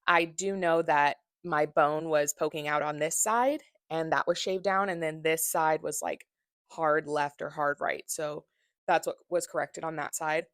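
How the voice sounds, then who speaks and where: A young woman speaks to her viewers in a casual vlog style. Her voice sits on the low side and is captured dry, with very little room sound. She is candid and blunt in how she puts things. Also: fairly even intonation, measured pace, no room sound. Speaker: vlogger.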